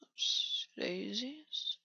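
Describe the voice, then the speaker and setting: A man quietly commenting on his own game build, often half-whispering to himself. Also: high-pitched, lively intonation, drawn-out words, creaky, slightly rough, no echo, highs cut off. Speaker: channel host building in a video game.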